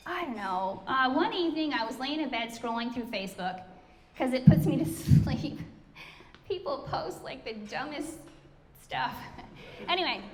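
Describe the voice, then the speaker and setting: A woman's voice: high-pitched, fairly bright tone. A middle-aged woman telling a chatty, self-deprecating story to an audience, laughing often. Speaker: speaker introducing the founder. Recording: hall reverb, faint room noise.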